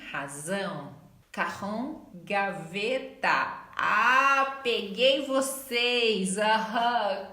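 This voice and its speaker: A woman's voice: medium pitch, a bit bright, roomy sound. A woman with a Brazilian accent teaching a Portuguese lesson, chatty and carefully sounding out model words. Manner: slow, clearly articulated model pronunciations, chatty asides. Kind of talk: online language lesson.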